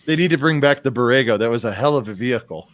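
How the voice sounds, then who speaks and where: A man co-hosting a casual car podcast, telling stories with animated quoted voices. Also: medium pitch, quick pace, dry recording. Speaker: podcast co-host.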